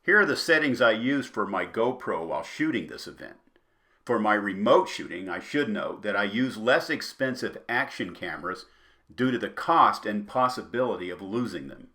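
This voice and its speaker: A man's voice: lowish voice, lively intonation, normal speed, bright, forceful tone. A man giving a scripted narration as a weather journalist reviewing gear. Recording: clear background noise, storm ambience.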